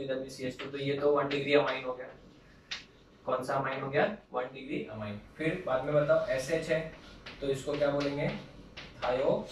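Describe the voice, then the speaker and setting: A slightly high-voiced man teaching chemistry at a chalkboard, quizzing the class and then answering his own questions in Hindi sprinkled with English. He is recorded from a distance in a roomy, echoey classroom with a faint hum underneath. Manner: asks questions and answers them himself, Hindi mixed with English terms.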